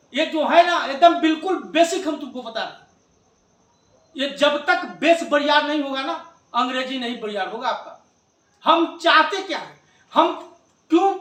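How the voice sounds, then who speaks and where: Male tutor, high-pitched, drilling pronunciation, recorded from afar in a roomy space. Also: bright, forceful tone. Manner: drills with repeated questions, coaxing the viewer. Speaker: English teacher. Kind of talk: classroom lesson at a board. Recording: echoey room, mic at a distance.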